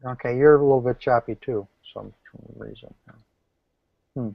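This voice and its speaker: A man's voice: medium pitch, steady tone, moderate pace, creaky, no room sound, dull audio. A man joining a group meeting remotely, talking hesitantly over a video call whose audio keeps breaking up and cutting out. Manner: hesitant, with many restarts and fillers. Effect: choppy video call audio, cutting in and out. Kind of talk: casual group discussion.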